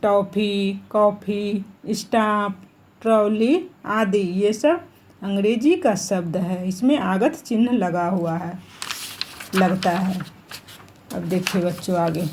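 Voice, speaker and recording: A woman's voice: medium pitch, darkish tone. A woman teaching a grammar lesson to children, repeating each point and asking them questions as she goes. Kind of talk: online Hindi grammar lesson.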